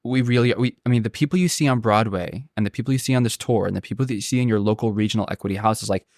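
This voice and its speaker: A man's voice: fairly low pitch, racing, darkish tone, dry recording, studio quality. A man in his late twenties, an actor guest on a podcast, telling stories in a rambling, self-deprecating way. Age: late 20s. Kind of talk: casual podcast chat.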